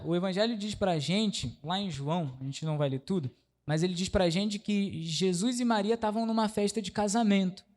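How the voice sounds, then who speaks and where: A man with a Brazilian Portuguese accent and a high, slightly mellow voice preaches a conversational sermon. He's chatty, often putting questions to the congregation and using many tag questions.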